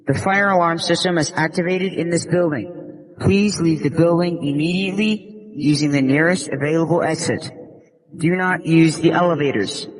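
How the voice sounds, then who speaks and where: Casting note: male voice for a recorded fire alarm evacuation message, slightly high, calm and formal, long reverb off the speaker. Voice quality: calm, measured, formal delivery. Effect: prerecorded fire alarm evacuation announcement played over a building speaker. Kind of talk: scripted emergency announcement.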